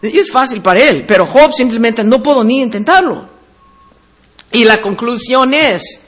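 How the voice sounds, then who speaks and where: A man preaching a sermon, reading Bible verses aloud and explaining them, slowing down on key words. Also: extremely high pitch, fairly bright tone.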